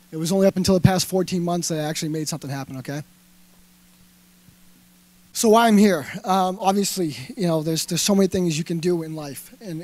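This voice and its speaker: In an indoor event hall, a man from Massachusetts with a Boston accent gives a lively live talk. His slightly high voice delivers punchy rhetorical questions to the crowd, peppered with filler words.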